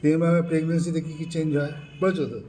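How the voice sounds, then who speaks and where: A man's voice: on the high side, little pitch movement, rapid-fire, dark tone. Man teaching pathology from a distance. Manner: explains step by step, keeps checking with "okay?". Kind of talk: informal teaching session. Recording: distant mic with faint background noise.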